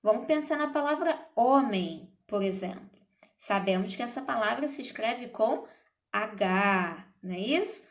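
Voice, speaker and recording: A woman teaching a grammar lesson, speaking deliberately and checking in with her students as she explains. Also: fairly high pitch, expressive, roomy sound. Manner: slow, deliberate, checks in with "certo?" and "ok?". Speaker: Portuguese teacher.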